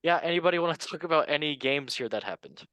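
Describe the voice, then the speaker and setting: A man with a fairly high, clean voice talks fast on a dry recording as he hosts a casual football podcast. Jokey, animated and self-mocking, he reads out league tables in this relaxed sports chat.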